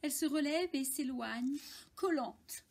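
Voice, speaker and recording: Slow, high-voiced woman reading a story. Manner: slow, expressive reading with playful asides. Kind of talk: reading a children's story aloud.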